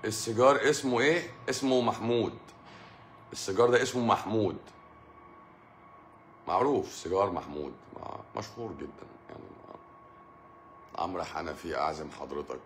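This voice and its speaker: A man's voice: low voice, a little fast, pauses often, echoey room, a little hiss or hum. A middle-aged man with an Egyptian Arabic accent, a doctor chatting casually with live-stream viewers, telling jokey stories and laughing often. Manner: joking storyteller, laughs often.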